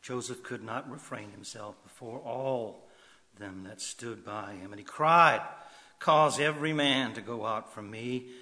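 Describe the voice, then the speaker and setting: A man preaching a sermon in an animated way, swinging from loud emphasis to quiet asides. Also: medium pitch, unhurried. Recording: long hall reverb.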